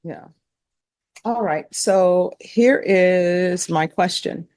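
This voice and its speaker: A woman judge running a hearing in a measured, procedural way, with a few light fillers. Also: fairly low pitch, darkish tone, no room sound. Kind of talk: courtroom proceedings.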